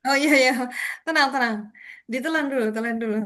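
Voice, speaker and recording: A woman's voice: sits high, a little fast, fairly bright tone. A young woman lecturing a public speaking class over a video call, explaining patiently with frequent tag questions. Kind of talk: online class instruction.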